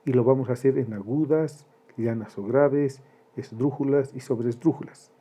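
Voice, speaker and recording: A man teaching a grammar lesson, slow and deliberate, spelling out syllables one by one. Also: mid-range voice, dark tone, breathy edge.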